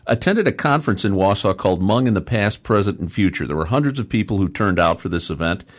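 A man's voice: on the low side, expressive, quick pace. A man hosting a public affairs interview, introducing topics and putting questions to guests. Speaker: host.

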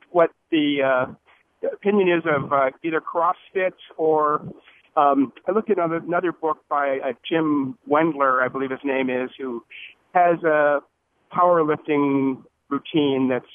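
A middle-aged man calling into a radio show from his car, asking his question in a hesitant, halting way with many fillers. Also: on the high side. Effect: phone call on a radio show. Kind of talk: casual call-in question. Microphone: phone. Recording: tinny phone line, faint road noise.

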